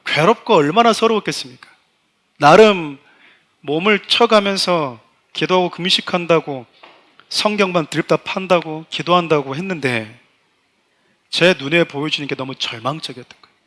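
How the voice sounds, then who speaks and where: Middle-aged male pastor, somewhat high and bright, preaching heartfelt personal testimony to his congregation. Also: normal speed. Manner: emotional confessional storytelling, often addressing the congregation. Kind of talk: sermon.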